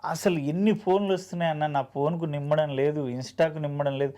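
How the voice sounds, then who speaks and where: A man's voice: fairly high pitch, steady tone, quick pace, warm tone. A man with a Telangana Telugu accent, an actor telling his story in an interview, plain-spoken and heartfelt. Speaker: film actor guest.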